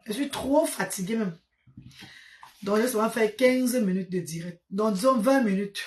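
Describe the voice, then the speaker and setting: A woman's voice: medium pitch, a little slow, a little mellow. A tired woman hosting a casual live stream, greeting her viewers one by one and fondly calling them mother and sister. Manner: affectionate, calls viewers maman and sister.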